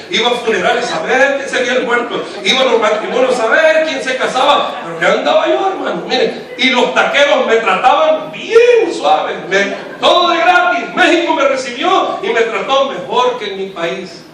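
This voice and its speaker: A man from Nicaragua gives a lively church testimony, often calling the listeners brother and laughing between his asides. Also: very high voice. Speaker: preacher giving testimony. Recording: echoey hall, distant mic, faint noise.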